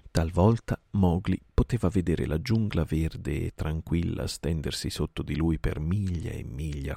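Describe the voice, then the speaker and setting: A man narrating a classic story in a calm, steady night-time reading. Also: extremely low pitch, gravelly, husky, no echo.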